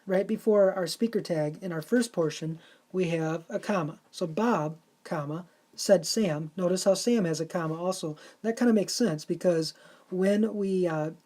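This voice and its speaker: Patient, mellow-voiced woman teaching sixth grade. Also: lowish voice. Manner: patient, explanatory, steps through each example slowly. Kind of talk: recorded classroom lesson walking through examples.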